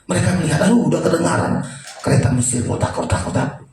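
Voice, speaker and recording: Man preaching, high lively voice, gravelly, roomy echo from far off. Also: quick pace, slight background noise. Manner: animated preaching, sudden loud high bursts. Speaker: pastor. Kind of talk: sermon. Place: church. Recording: echoey church hall from afar.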